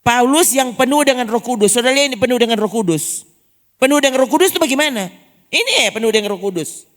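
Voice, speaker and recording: A woman's voice: on the high side, expressive, fast. A woman pastor preaching a sermon, emphatic and full of rhetorical questions. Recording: long church reverb.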